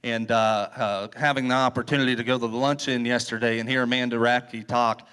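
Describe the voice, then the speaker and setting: Man, formal interview answer, measured, hesitant, flat intonation, medium pitch. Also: clear, resonant tone. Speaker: contestant answering an interview question.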